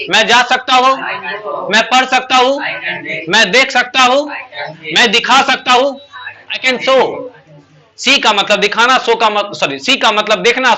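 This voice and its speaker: A male teacher leads a classroom lesson. His voice sits high and sounds sharply bright. He drills the class, firing questions and answering them himself. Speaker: English teacher.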